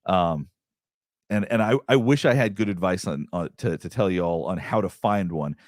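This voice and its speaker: At a moderate pace, a middle-aged therapist with a low, darkish voice answers viewer questions during a casual live stream, rambling with frequent restarts and fillers. He's from the Southeastern US, and the clean studio sound carries no echo.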